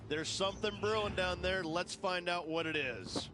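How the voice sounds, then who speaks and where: A man's voice: high voice, moderate pace, lightly acted. A man giving golf broadcast commentary as a course analyst, conversational and emphatic. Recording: clear background ambience noise.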